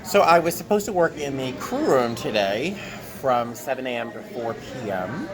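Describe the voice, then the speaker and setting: In an airport terminal, a weary man who vlogs about life as a flight attendant talks casually into a handheld camera held at arm's length. His medium-pitched voice has lively intonation and a normal speed, and a crowd and airport noise are clearly audible behind him.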